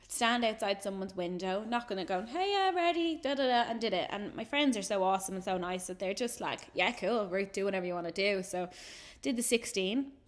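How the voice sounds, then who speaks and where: A woman's voice: medium pitch, fairly quick. Chatty Irish woman telling a story. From Ireland. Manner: chatty, animated, acts out quoted voices. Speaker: photographer giving a talk. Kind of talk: casual storytelling presentation.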